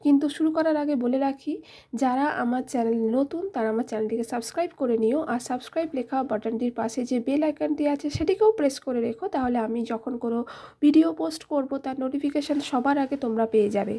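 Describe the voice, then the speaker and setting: High-voiced woman teaching kids. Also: warm tone. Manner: spells words letter by letter and repeats them slowly; friendly, speaks directly to children. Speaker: teacher and channel host. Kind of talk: children's English lesson.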